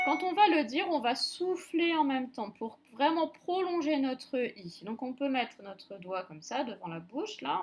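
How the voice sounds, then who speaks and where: A woman with a high, bright voice leads a reading lesson for young children. She speaks at an unhurried pace and stretches out each sound so that it comes through clearly. Her delivery is that of a patient schoolteacher. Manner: slow, clearly articulated, drawing out sounds. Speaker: primary school teacher.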